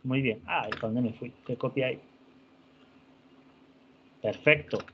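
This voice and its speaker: A man teaching an online class, patient and encouraging, often softening words with diminutives. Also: mid-range voice, unhurried, slight background noise. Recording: dull lo-fi sound.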